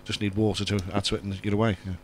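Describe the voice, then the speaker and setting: A man explaining things casually on a radio talk show, hesitant and halting, often repeating himself. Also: fairly low pitch, monotone. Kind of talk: casual unscripted discussion. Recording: background noise and hum.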